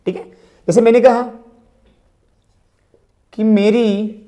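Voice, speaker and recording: A woman teaching a grammar lesson to students, repeating key phrases slowly and asking rhetorical questions as she explains. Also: on the high side, fairly even intonation, warm tone.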